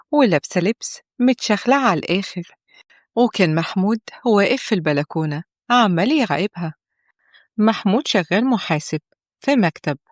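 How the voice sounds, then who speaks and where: An Egyptian woman narrates a social drama story in an even, measured voice at a middle pitch. The sound is dry and close to the mic. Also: no room sound. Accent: Egyptian Arabic. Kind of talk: scripted narration.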